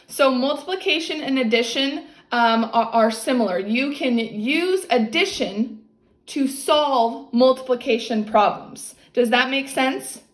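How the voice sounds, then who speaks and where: A female maths teacher with a high voice tutors a young child one-on-one, speaking a little slowly. She patiently explains each step, encourages the child and frequently checks that they understand, and the recording has a roomy echo.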